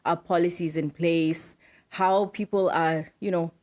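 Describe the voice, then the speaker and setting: A middle-aged woman from Zimbabwe, a podcast guest explaining her work in a relaxed interview, often affirming with "right" and "yes". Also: on the low side, measured pace. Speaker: podcast guest, data protection officer. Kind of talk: casual interview talk.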